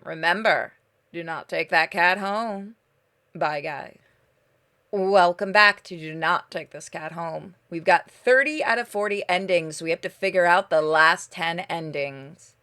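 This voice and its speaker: A gaming streamer with a fairly low, pushed, bright voice that rings clear and resonant plays through a game. She alternates between theatrically reading the story text aloud and chatting casually with viewers. Game music plays behind her.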